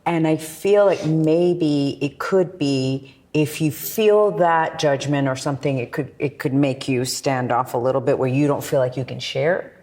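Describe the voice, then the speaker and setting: A middle-aged woman hosting a podcast, her voice pitched unusually low for a woman. She reassures her guest with gentle, affirming remarks and open questions. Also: measured pace, hardly any pauses. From Spain. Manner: warm, affirming, supportive. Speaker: podcast host. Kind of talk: empathetic interview.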